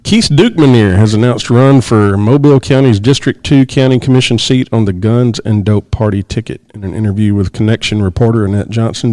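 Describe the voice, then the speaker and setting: A man hosting a casual podcast, reading news headlines and stories with slow, emphatic pauses. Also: mid-range voice, darkish tone, dry recording. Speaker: podcast host.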